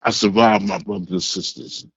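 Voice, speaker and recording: A man in his sixties calling in over the phone, telling a rambling, halting story from years past. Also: fairly low pitch, steady tone, slightly rough. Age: 60s. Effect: heard over a phone line. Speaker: caller. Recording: muffled phone line.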